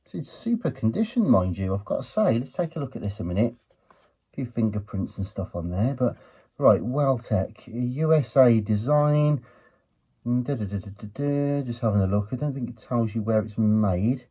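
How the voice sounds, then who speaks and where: A British man hosts a retro electronics teardown video, casually chatting and thinking aloud as he examines a gadget hands-on. His mid-range voice is animated, warm, and slightly breathy, at a moderate pace.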